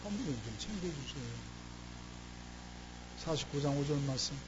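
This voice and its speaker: A man preaching a sermon to his congregation, animated and building to loud exhortation. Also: medium pitch, normal speed. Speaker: pastor. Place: church sanctuary. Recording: dull lo-fi church recording with noise.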